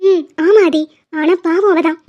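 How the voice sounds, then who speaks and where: A woman voicing a shrill, tearful cartoon heroine. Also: measured pace, muffled recording. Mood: chatty. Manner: tearful, urgent pleading. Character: emotional young woman, loyal and impulsive. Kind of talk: Tamil cartoon dubbing.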